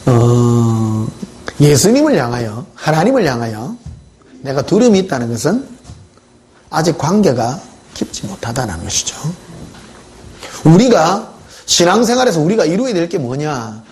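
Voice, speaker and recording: A man's voice: on the high side, big pitch swings, moderate pace, pauses often, darkish tone, slight background noise. A male pastor preaching a sermon in church, telling stories in a conversational way and putting questions to the congregation.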